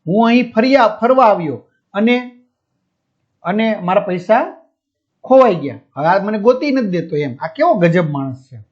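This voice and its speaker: A man voicing an impatient male tourist who shouts and demands in exasperation, read out in a lesson. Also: sits high, expressive, measured pace, long pauses. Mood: angry. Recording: dull lo-fi audio.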